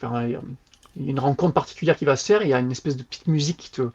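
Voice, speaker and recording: A man co-hosting a podcast, chatting casually as he reviews a novel in an animated, slangy, loose way. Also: medium pitch, rapid-fire, breathy edge, dull audio. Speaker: podcast co-host. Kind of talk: casual book review chat.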